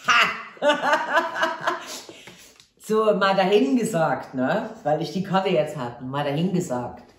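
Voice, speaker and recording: A woman's voice: low-pitched, animated, moderate pace, darkish tone, echoey room. A woman giving a casual tarot reading to camera, chatty and reassuring, often tagging on a questioning "ja?". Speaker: tarot reader.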